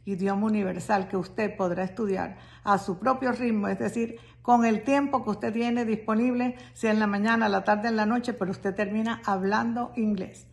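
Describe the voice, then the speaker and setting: A woman's voice: medium pitch, steady tone, normal speed, creaky, few pauses. A woman giving an upbeat promotional welcome to an English course. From Colombia. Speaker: course presenter. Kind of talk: welcome announcement.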